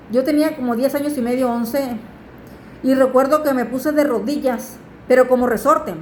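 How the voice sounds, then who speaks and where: A woman tells her religious testimony in an earnest, pleading way. Her voice sits a little high, and the room around her gives it a noticeable echo. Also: slight background noise. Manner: earnest, pleading with listeners to turn to God. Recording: echoey room.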